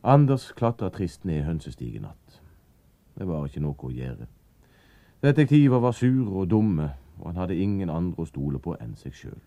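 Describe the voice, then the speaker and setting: Deep-voiced guy reading a kids' story, gravelly, lots of pitch movement. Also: very animated, mellow, dry recording. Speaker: audiobook narrator. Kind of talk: reading a children's story aloud.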